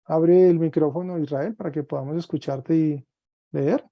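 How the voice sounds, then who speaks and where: Guy teaching a class over a video call, patient, repeats stuff, creaky voice, dry sound. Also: fairly high pitch, steady tone, dry recording, highs cut off. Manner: patient, slow, repeats words for students. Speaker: Greek teacher. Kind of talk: online class lecture.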